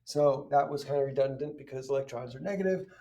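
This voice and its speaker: A chemistry teacher with a warm, medium-pitched voice talks fast in an informal, step-by-step lesson with worked examples. He asks questions and answers them himself, recorded from a distance.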